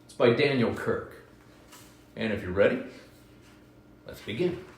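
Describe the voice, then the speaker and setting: A man hosting a live children's book reading from his home, telling the story in an animated, sing-song way. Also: fairly low pitch, measured pace, a little hiss or hum. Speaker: radio host reading to kids. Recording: roomy home echo.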